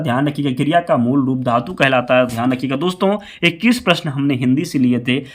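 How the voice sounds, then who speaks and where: A slightly hoarse man with a fever, teaching an exam-prep quiz lesson. He reads out each question and its options, repeats the answer and keeps telling the viewer to keep it in mind. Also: mid-range voice, fairly bright tone.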